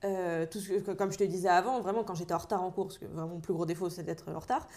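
A young woman from Paris, a designer, chatting in an interview and telling animated stories full of fillers and acted-out lines. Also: on the low side, quick pace. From Paris, France. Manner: lively storyteller, acts out others' lines, many fillers. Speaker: designer guest. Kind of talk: casual interview chat.

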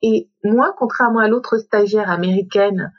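Animated Gabonese woman telling stories, husky. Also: mid-range voice, moderate pace. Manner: animated, slips into quoted voices and English phrases. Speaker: coach and podcast guest. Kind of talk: casual interview storytelling. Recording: dull lo-fi remote recording.

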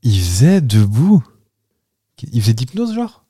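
Man, playful podcast co-host, lively swinging pitch, dry close sound. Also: unhurried, husky, no room sound. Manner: playful, jokey, lively, blurts out guesses. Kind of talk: casual chat, guessing game.

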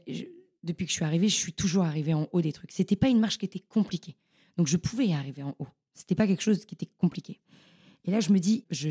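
A young woman, a podcast guest, telling her stories in a casual, animated and slangy way. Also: on the low side. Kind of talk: casual storytelling interview.

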